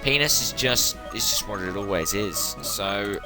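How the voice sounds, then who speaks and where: Speaking a little slowly in a lowish voice, a young let's-play gamer chats and rambles while he plays, often cutting himself off mid-thought. Loud game music sits behind his voice.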